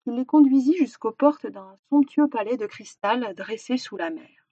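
A woman reading a storybook aloud with expressive narration that slows for effect. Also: a little high, slightly rough, dry recording. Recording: dull, dry recording.

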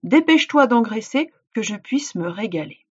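A booming, bossy storybook djinn, as a woman reading the tale puts him on, greedy and loud. The voice is husky and sits high for a monster. The recording sounds dull and lo-fi. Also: big pitch swings, moderate pace. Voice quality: loud, roaring delivery. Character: terrible hungry male djinn, booming and bossy.

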